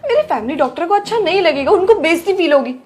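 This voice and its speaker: A woman's voice: very high voice, lively intonation, quick pace, darkish tone. A woman playing a scheming young wife who reproaches and accuses her husband. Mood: reproachful. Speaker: actor in a web drama. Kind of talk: dramatic dialogue.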